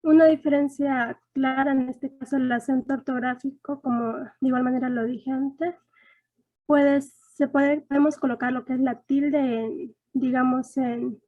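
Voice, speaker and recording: A woman's voice: high-pitched, steady tone, a little slow, no room sound, narrow, tinny audio. A young woman student presenting a lesson topic to her class, reading prepared points with some hesitation.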